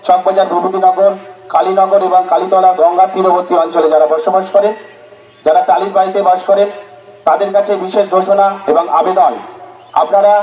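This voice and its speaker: A man making a slow, repetitive public warning announcement for the municipality, outdoors in a riverside neighborhood. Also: sits high. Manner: slow, repetitive, halting delivery. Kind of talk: public address announcement over loudspeaker. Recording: roomy, distant, muffled loudspeaker sound.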